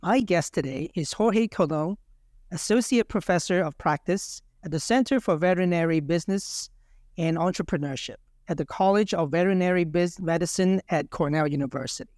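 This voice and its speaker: Higher-voiced male podcast host. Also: a little fast, darkish tone, no room sound, studio quality. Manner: enthusiastic, uses fillers. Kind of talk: scripted intro, then casual interview.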